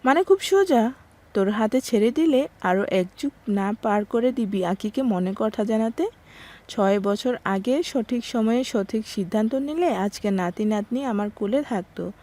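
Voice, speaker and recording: A woman's voice: a little high, a little slow. A woman playing a teasing, scolding mother. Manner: scolding, mocking, lively. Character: teasing middle-aged mother, scolding and scheming. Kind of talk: Bengali audio drama acting.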